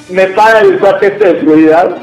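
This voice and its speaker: A young man with a Mexican accent telling a funny story to friends in casual, slangy talk, laughing and acting out shouts. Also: high voice, roomy sound, poor audio. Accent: Mexican Spanish.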